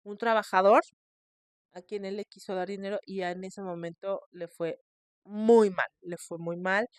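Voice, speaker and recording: A woman's voice: medium pitch, measured pace, no echo, studio quality. Chatty woman telling a horror story. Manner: chatty, expressive, shrieks in mock fright. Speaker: podcast host. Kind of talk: casual storytelling.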